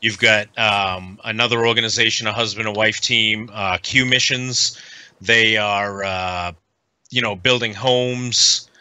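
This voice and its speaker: A middle-aged man from the United States, a guest in a casual podcast conversation, speaking earnestly and haltingly with frequent pauses. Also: fairly low pitch, fairly even intonation, pushed and bright, clean tone, no room sound. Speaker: guest, veteran nonprofit advocate.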